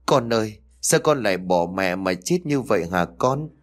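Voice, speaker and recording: A man's voice: lowish voice, animated, moderate pace, natural voice. A man voicing a grieving middle-aged mother who talks through sobs in a spoken ghost story. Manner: sobbing, lamenting.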